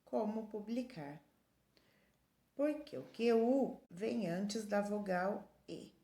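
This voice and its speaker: A woman's voice: medium pitch, animated, slow pace, warm tone, reverberant. A woman teacher reading a workbook lesson aloud to her pupils, spelling out letters and listing words one by one.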